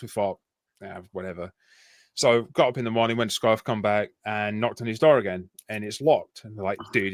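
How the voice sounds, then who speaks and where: A man's voice: lowish voice, no echo. Rambling Yorkshire man telling a story. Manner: rambling, laughing, swearing often. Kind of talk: casual storytelling.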